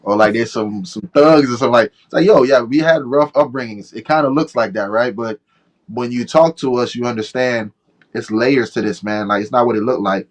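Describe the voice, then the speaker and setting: A man's voice: mid-range voice, moderate pace. A man hosting a casual podcast chat, talking in a laid-back, thoughtful way with plenty of slang. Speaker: podcast host.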